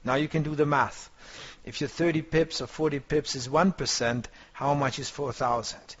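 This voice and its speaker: In an online course lecture, a man teaches trading, coaching his students motivationally while often searching for words. His voice is fairly high with fairly even intonation and a moderate pace, and the audio is dull, lo-fi and compressed.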